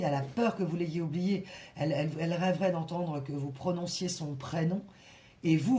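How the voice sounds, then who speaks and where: Chatty woman with a mellow voice. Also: deep voice. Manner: animated, repetitive, with frequent fillers and restarts; breaks into soft sung song lines. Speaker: tarot reader. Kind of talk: casual channeled tarot reading.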